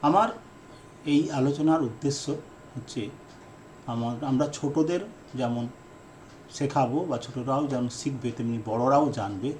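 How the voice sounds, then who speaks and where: A man who is an English teacher giving a lesson, repeating his key definitions and speaking in slow, deliberate phrases with fillers. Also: mid-range voice, darkish tone, slight background noise. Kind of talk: explanatory lesson lecture.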